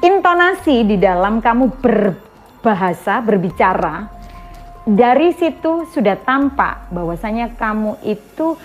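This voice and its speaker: A woman's voice: on the high side, muffled recording. Accusing woman commentator. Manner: accusing, addresses viewers as pemirsa. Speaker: commentary channel host. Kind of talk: direct-to-camera commentary.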